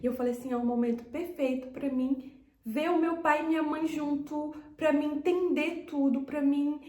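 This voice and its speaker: Brazilian woman, high mellow voice, heartfelt faith testimony, roomy echo. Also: fairly even intonation, moderate pace. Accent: Brazilian Portuguese. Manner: earnest, heartfelt storytelling. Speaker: faith vlogger.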